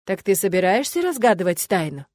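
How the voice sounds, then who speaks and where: A woman's voice: medium pitch, very animated, brisk, darkish tone, dry recording, studio quality. A woman voicing a sly, teasing male demon with an insinuating, playful way of talking, in an audiobook reading.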